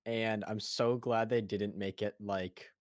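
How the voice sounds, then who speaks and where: A man, a guest on a gaming podcast, giving agreeable, measured opinions on a game. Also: on the low side, steady tone, dry recording, clean studio sound. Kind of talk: casual gaming podcast chat.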